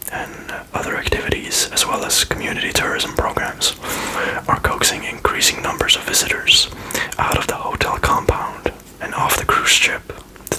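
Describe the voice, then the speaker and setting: Male ASMR reader. Sustained breathy whisper throughout, informal, reading text aloud with offhand comments. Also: rough recording.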